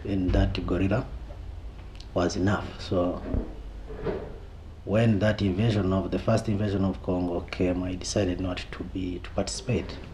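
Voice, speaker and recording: Deep male interviewee, forties, halting delivery, noisy ambience behind. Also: flat delivery. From Rwanda. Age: 40s. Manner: hesitant, with many fillers and restarts. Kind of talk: documentary interview testimony.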